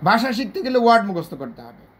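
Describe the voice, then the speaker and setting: A teacher with a Bangladeshi Bengali accent gives a spoken video lesson. The teacher is patient and repeats points, stretching example words out slowly syllable by syllable. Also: medium pitch, big pitch swings, a little hiss or hum. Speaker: English teacher.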